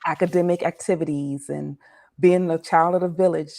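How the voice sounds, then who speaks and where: A D.C. woman in her forties reflects on her life in a measured interview, her thoughts frequently trailing off gently at the close. She speaks in a low, gravelly voice with fairly even intonation.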